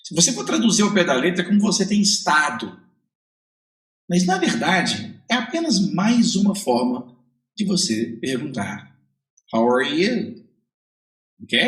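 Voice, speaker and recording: Lively Brazilian English teacher. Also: male voice, on the high side. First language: Portuguese. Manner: lively, drilling phrases for the viewer to repeat. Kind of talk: online English lesson.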